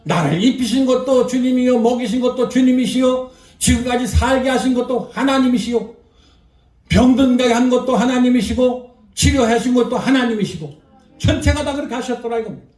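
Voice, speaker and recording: A woman's voice: on the high side, a little fast, a little mellow. An older woman pastor preaching an emphatic revival sermon, calling out hallelujahs and prompting the congregation. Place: church. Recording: roomy echo, voice picked up from a distance.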